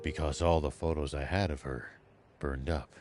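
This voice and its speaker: An actor playing a weary older war hero who speaks calmly and plainly. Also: male voice, rumbling low, moderate pace, soft background music. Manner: calm, understated.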